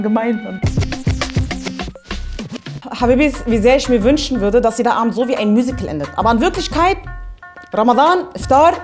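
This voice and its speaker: Animated young woman telling comic stories. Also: fairly high pitch. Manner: animated, playful, exaggerated. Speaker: comedy video host. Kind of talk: comic storytelling to camera.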